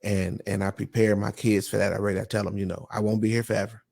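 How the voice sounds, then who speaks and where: Male co-host, gravelly voice, laid-back, slangy casual chat. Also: on the low side, flat delivery, fast, a little mellow.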